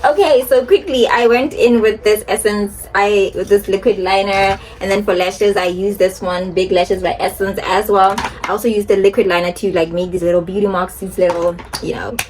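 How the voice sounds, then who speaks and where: Young woman rambling on her phone vlog, doing makeup, laughs a lot, average pitch. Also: steady tone, normal speed, hardly any pauses, darkish tone. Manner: chatty and rambling, laughing often. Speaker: beauty and lifestyle vlogger. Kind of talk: casual chat while doing makeup.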